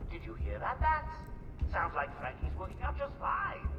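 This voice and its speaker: A man's voice: extremely high pitch, huge pitch swings, normal speed, dull audio, heavily acted. An actor playing a gleeful, taunting male clown villain with mocking, sing-song delivery. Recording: echoey distant game audio, loud music.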